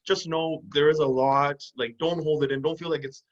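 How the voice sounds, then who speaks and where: A young man in his twenties, a guest telling animated stories with laughs in a casual video call chat. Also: fairly high pitch, normal speed. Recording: dull lo-fi video call audio.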